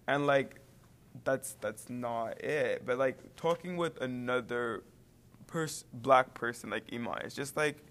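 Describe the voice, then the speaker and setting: A man's voice: mid-range voice, takes it slowly, a bit bright. A teenage boy chatting casually, rambling and hesitant with lots of fillers. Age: teens. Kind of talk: casual chat.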